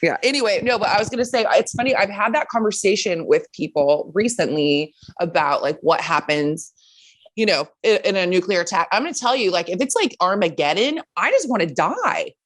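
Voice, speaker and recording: A woman co-hosting a podcast, chiming in with quick agreements and blunt asides. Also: mid-range voice, animated. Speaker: podcast co-host. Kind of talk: casual chat.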